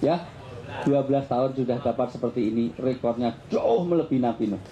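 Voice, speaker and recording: A man's voice: medium pitch, fairly quick. A man preaching in a joking, playful way, quizzing his listeners and playing with words. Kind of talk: humorous religious talk to a crowd. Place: outdoor gathering. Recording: noisy live event recording.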